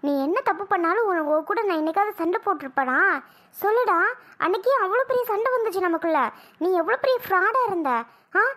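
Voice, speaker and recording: A woman doing a shrill, furious young wife. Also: lively intonation, brisk, a bit bright. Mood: angry. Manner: shrill, scolding, exasperated. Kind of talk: cartoon voice acting.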